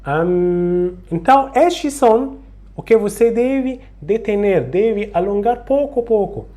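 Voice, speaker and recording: Slow, patient recitation teacher. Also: mid-range voice, animated, dark tone. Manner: slow, patient, repeats sounds and words to demonstrate. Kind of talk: slow tutorial on Quranic recitation rules.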